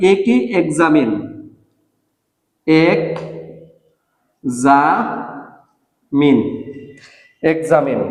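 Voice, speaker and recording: A man teaching a language lesson, repeating each word and phrase slowly and asking and answering his own questions. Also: sits high. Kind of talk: explaining Russian grammar in Bengali. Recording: echoey room with long reverb.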